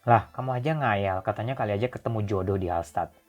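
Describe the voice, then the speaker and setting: A man's voice: fairly low pitch, quick pace, soft background music, natural voice. A man voicing a young woman cousin who is stubborn and fond of joking. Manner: insistent, teasing.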